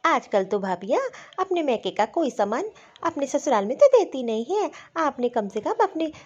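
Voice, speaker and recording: A woman's voice: high voice, sing-song, normal speed, darkish tone, breathy edge, dull audio, exaggerated voice. A woman voicing a friendly young college-going sister-in-law who sweetly compliments her brother's new wife.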